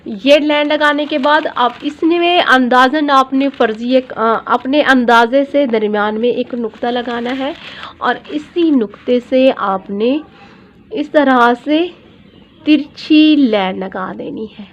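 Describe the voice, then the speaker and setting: A woman's voice: high-pitched, slow pace, lo-fi sound. A woman dress designer giving a patient step-by-step sewing tutorial, repeating each measurement and often checking in with her viewers. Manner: often checks in with "theek hai". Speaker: dress designer teaching pattern drafting.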